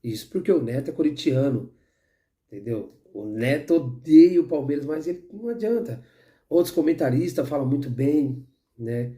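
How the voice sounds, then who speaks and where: A man's voice: medium pitch, expressive, moderate pace, mellow. A Brazilian man with a Brazilian accent giving heated, rambling football opinions with frequent restarts. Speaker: football commentator. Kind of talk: opinionated casual football talk.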